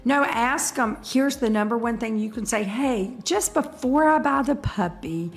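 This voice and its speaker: A middle-aged woman co-hosts a breeder's casual live chat, telling stories as an animated, emphatic storyteller. Her voice is fairly high and her pace a little slow.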